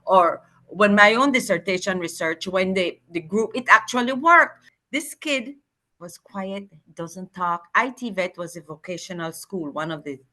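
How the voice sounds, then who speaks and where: A woman from Belize speaks with a Creole accent and a bright, forceful voice at a middle pitch. She is an emphatic interview guest who explains through animated anecdotes, slipping into quoted dialogue. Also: unhurried. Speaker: guest, linguistics researcher and educator.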